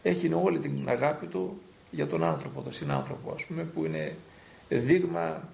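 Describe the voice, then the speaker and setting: A man's voice: fairly high pitch, huge pitch swings, gravelly, a little mellow. A man, a priest, earnestly recalling an elder in a documentary interview. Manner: earnest, reflective storytelling. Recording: roomy echo.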